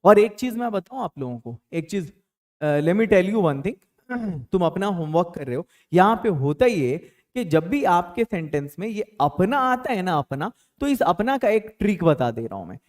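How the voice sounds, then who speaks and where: Male tutor, casual and playful, high voice with big swings in pitch. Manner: lively, repeats example sentences slowly. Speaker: English teacher. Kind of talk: spoken English lesson in Hindi.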